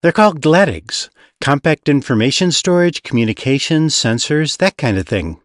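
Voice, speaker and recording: A man's voice: fairly high pitch, lively intonation, normal speed, no echo, pitched above the performer's own voice, natural voice. Man voicing a sly female demon baron. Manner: dry, teasing, brochure-like delivery.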